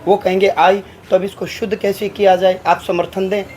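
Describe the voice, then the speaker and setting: A man's voice: high-pitched, flat delivery, a little fast, darkish tone, a little hiss or hum, rough recording. Declaiming religious man in a press talk. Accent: Haryanvi Hindi. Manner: declamatory, rhetorical lists. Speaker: religious leader. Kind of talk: press statement.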